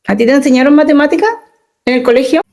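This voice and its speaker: A woman speaking as a communication consultant in an interview, expressive and emphatic, often asking rhetorical questions. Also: sits high, fast. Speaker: communication consultant and workshop leader. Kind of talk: interview conversation.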